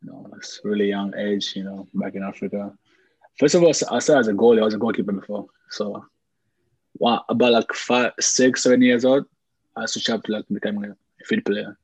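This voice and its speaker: A man's voice: lowish voice, fairly quick, breathy edge, no echo, rough recording. A man in his twenties from Congo with a Congolese accent, answering interview questions casually and often repeating himself as he goes. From Congo (DRC), later Malawi. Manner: conversational, repetitive, peppered with "like" and "you know". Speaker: soccer player being interviewed.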